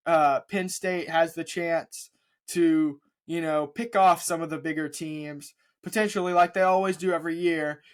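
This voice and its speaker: A young man with a voice pitched a bit higher than most men's talks through his sports picks. He sounds sure of himself and fills his pauses with plenty of uh's and um's. His delivery is casual, like a chat between co-hosts. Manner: confident, leans on fillers. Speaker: podcast co-host.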